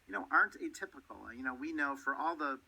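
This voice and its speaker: A man's voice: on the high side, animated, quick pace, creaky, bright, forceful tone, slightly rough, low-quality recording. A middle-aged man from Detroit, a guest in a radio interview, talking earnestly and often repeating his words. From Detroit, Michigan. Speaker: guest, company representative. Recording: radio studio.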